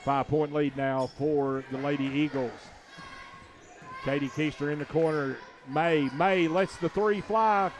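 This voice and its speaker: A man giving rapid, excited play-by-play of a high school basketball game from a school gymnasium, his voice jumping up on every shot. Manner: rapid, excited calls that rise on shots. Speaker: play-by-play announcer.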